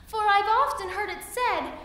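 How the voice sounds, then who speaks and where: Girl doing a high, prim little fly. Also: a little slow, full character voice. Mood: protesting. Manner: high, bright and protesting. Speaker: student reciting a poem. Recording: echoey hall from far off.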